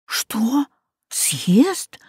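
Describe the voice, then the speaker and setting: A woman's voice: on the high side, normal speed, warm tone, no echo, clean studio sound, lightly acted. Woman voicing an eager young boy. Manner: eager, wide-eyed. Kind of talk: storybook reading.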